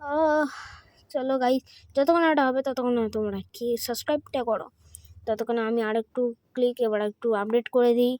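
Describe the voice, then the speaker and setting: A woman doing excited gameplay commentary, dropping Hindi phrases in as she counts and clicks. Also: fairly high pitch, brisk, no room sound. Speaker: gaming channel host.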